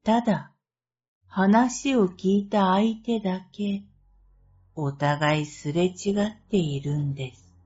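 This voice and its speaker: Slow, husky woman telling a ghost story. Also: medium pitch, darkish tone. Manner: acts out dialogue between friends. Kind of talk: scripted ghost story narration. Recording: dull, lo-fi sound with faint music.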